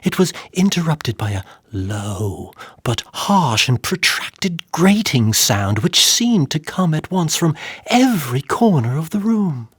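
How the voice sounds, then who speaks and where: A man narrating a dark tale in a measured, dramatic manner, sinking to whispers. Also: a little high, very animated, husky, no room sound, clean studio sound. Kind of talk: dramatic story reading.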